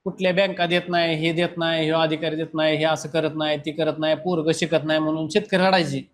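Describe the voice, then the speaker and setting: A man's voice: on the high side, flat delivery, brisk, slight background noise. A man, teaching a class and lecturing students bluntly. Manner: scolding, blunt, talks straight at students. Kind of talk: classroom lecture and pep talk.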